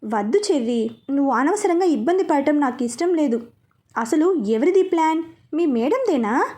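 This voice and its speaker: A woman's voice: sits high, lively intonation, moderate pace, dark tone. A woman voicing a young man who is a playful, bossy husband. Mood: teasing.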